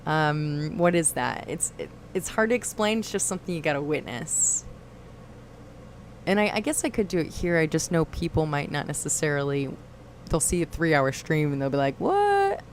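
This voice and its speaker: A woman's voice: low voice, moderate pace, a little hiss or hum. A woman hosting a casual livestream, chatting and reading viewer comments aloud. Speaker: livestream host.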